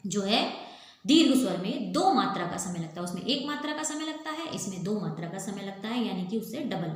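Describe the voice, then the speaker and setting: A woman teaching a recorded Hindi grammar lesson, explaining patiently, repeating points and answering her own questions. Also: medium pitch. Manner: draws out vowel sounds as spoken examples. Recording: very echoey room with faint noise.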